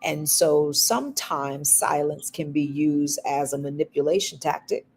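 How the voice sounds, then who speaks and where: Slow, husky-voiced woman giving advice. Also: deep voice, darkish tone, faint music behind. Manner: slow, deliberate and emphatic. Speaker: podcast co-host. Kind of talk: relationship advice talk.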